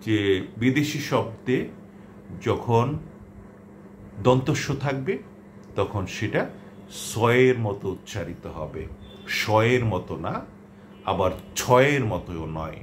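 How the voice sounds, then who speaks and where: A man with a fairly low voice teaches pronunciation at an unhurried, deliberate pace. He says each example word on its own, clearly and carefully. A faint hum of room noise sits under the recording. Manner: slow, careful, deliberate delivery with example words spoken one by one. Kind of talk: spoken lesson on pronunciation.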